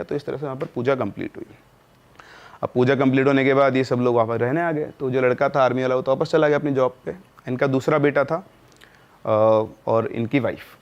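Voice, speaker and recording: Male storyteller, casual spoken horror tale, chatty and unpolished, mid pitch. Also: lo-fi sound. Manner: conversational, with filler sounds and self-corrections.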